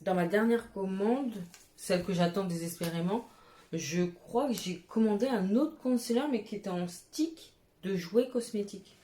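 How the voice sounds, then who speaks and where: This beauty vlogger talks at a moderate pace in a warm, mid-range voice during a casual haul chat at home. Her cat is nearby as she gushes with exclamations and casual swearing, captured in an echoey room with faint noise.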